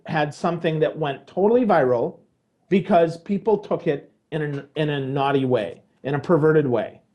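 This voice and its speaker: Male podcast co-host, slightly high voice, emphatic and blunt, lecturing tone. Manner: emphatic, lecturing, jumps between loud and low. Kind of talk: casual podcast chat.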